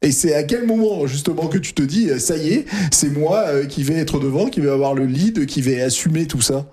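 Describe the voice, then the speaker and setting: A man's voice: fairly high pitch, brisk, warm tone. A man hosting a music radio show, asking his guests questions in a chatty way with fillers. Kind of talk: radio interview.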